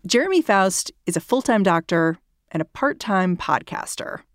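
A woman's voice: mid-range voice, very animated, moderate pace, no room sound. A woman hosting a podcast in a conversational but scripted way, recorded close in a small closet at home. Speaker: podcast host.

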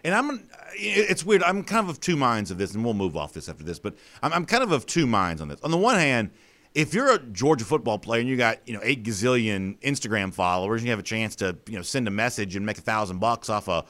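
A man's voice: mid-range voice, very animated, fast, fairly bright tone. A man hosting a sports talk show, thinking aloud in a conversational, opinionated way with plenty of fillers.

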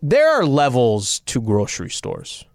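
A man's voice: mid-range voice, wildly swooping pitch, measured pace, no echo, clean studio sound. A man with an American accent, a radio co-host telling stories casually, repeating phrases and throwing out rhetorical questions for emphasis. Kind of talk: casual animated storytelling.

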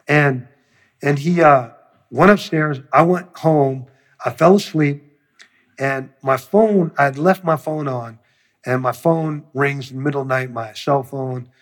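A man in an interview with a husky, slightly raspy voice, spinning a long anecdote. He talks loosely and profanely, and he jumps into the voices of the people in his story as he goes. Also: fairly high pitch, normal speed. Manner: profane, animated storyteller who acts out quotes. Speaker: music producer.

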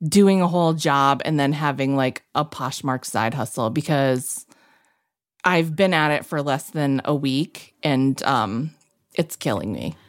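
A woman co-hosting a podcast, telling stories in a chatty, animated way with lots of fillers. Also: very deep voice, a little slow, no echo, studio quality. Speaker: podcast co-host. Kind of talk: casual chat.

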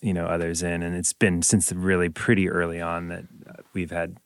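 Low, even-toned man explaining casually. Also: brisk, smooth, no echo. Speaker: band member. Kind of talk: casual interview talk.

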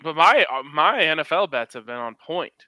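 A man talks casually as a sports podcast host, informal and joking. His voice is bright and crisp at a middling pitch, with a dry, close sound. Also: lively intonation, normal speed, no echo. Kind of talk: casual sports betting chat.

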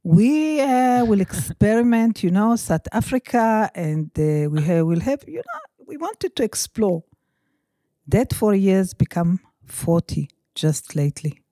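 An older woman from Israel with an Israeli accent, talking as an interview guest in a halting way, often restarting her sentences and searching for words. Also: medium pitch, big pitch swings, dark tone, dry recording. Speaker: guest, mother of a comedian. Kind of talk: casual interview chat.

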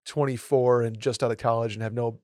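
A man co-hosting a casual advice podcast, talking in a relaxed, agreeable way. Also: mid-range voice, brisk, no room sound, studio quality. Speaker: podcast co-host.

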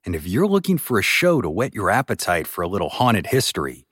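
A man's voice: on the low side, sing-song, brisk, a bit bright, slightly rough, no echo, studio quality. A man reading a scripted podcast promo as its host.

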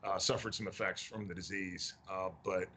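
A man who is a county mayor from Tennessee, answering interview questions over a video call in a measured way with many fillers. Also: deep voice, little pitch movement, a bit bright, a little hiss or hum.

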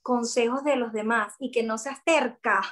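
A woman's voice: on the high side, moderate pace, a crowd in the background. A young woman with a Venezuelan accent, chatting casually as an interview guest and acting out others' lines as she tells stories. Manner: lively, expressive, quotes others in dialogue. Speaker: guest, food content creator.

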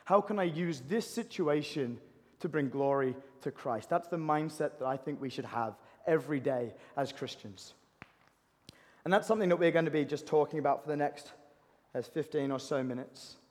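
High-voiced man preaching in a reverberant hall. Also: moderate pace. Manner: animated, builds to impassioned pleading. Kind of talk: sermon. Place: church hall.

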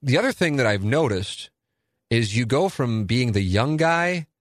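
A man's voice: medium pitch, lively intonation, measured pace, no echo, clean studio sound. A man in his forties hosting a solo listener Q&A, talking in a candid, rambling, self-deprecating way. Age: 40s. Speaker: radio and podcast host.

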